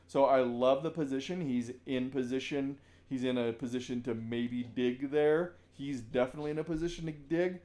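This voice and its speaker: Man, basketball coach, game film breakdown, casual, restarts sentences, middle pitch. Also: fairly even intonation, normal speed, few pauses. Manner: conversational, restarts sentences, shouts demo calls.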